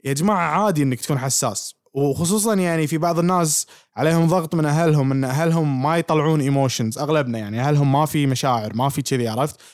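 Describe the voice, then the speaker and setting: Quick, animated Kuwaiti man. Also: a little high, no room sound, studio quality. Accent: Kuwaiti Arabic. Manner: animated, quick, mixes English into Gulf Arabic. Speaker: podcast co-host. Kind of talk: casual chat.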